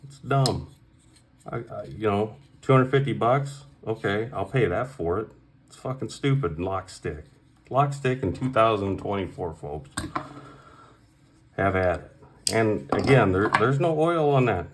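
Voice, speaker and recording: A man's voice: on the low side, expressive, measured pace, a little hiss or hum. A man ranting casually on his vlog, blunt and profane, heated and repeating points for emphasis. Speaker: knife collector vlogger. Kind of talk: casual opinionated rant.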